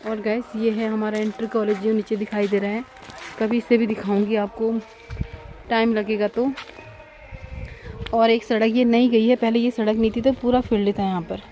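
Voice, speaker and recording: Speaking at a moderate pace with little pitch movement, this woman in her thirties talks chattily to her viewers in a casual home vlog. She's outdoors at a village home, her slightly high voice sounds mellow, and the audio is poor.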